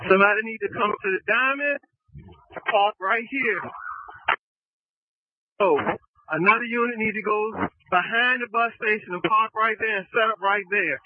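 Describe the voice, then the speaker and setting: A man's voice: high-pitched, moderate pace, no room sound. A male police officer on a police radio channel, giving terse orders for setting up a perimeter. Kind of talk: radio instructions in the field. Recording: tinny dry radio transmission.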